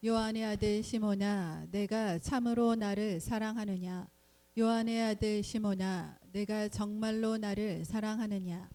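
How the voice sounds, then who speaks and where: A woman reading scripture aloud in an even, measured way during a church service. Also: medium pitch. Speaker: scripture reader.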